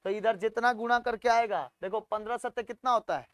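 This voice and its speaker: Male tutor, higher pitch, coaxing question-and-answer teaching, dry recording. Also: brisk, no room sound. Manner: coaxing, asks students questions, then answers them. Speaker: maths tutor. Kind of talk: solving textbook problems aloud.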